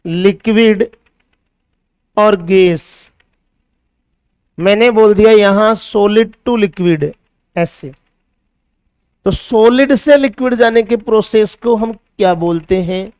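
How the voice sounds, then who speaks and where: A man's voice: high-pitched, slow, long pauses, darkish tone, smooth, dry recording, clean studio sound. A male chemistry teacher with a Hindi accent, giving a classroom lecture that mixes English science terms into Hindi and asks his students questions before answering them himself.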